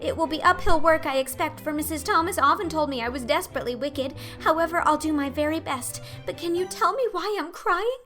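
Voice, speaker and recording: A woman playing an excitable, high-voiced orphan girl. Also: a little fast, few pauses, soft background music. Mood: overjoyed, tearful. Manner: gushing, earnest, dramatic. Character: imploring, excitable, talkative dreamy orphan girl. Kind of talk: audiobook character acting.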